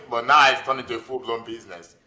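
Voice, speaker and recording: A man's voice: mid-range voice, fairly quick, bright, forceful tone. A man in his forties with a Nigerian accent, telling his own story informally as a guest in a conversational interview. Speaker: podcast guest, physician and investor.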